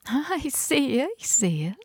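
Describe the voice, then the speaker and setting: A woman's voice: high voice, big pitch swings, slow, darkish tone, breathy edge, no echo, studio quality, pitched above the performer's own voice, full character voice. A woman voicing a village neighbor who talks to a child in an overly sweet, pitying way. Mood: sugary. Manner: syrupy, condescending.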